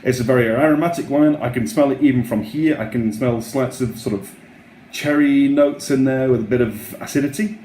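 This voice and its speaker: A man hosting a casual wine tasting, talking in an unhurried, musing way with short trailing phrases. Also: mid-range voice, dark tone. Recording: roomy echo, faint background noise.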